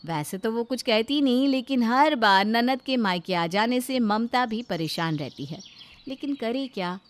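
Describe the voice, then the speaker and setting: A woman narrating a storybook in an even, explanatory way. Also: fairly high pitch, unhurried.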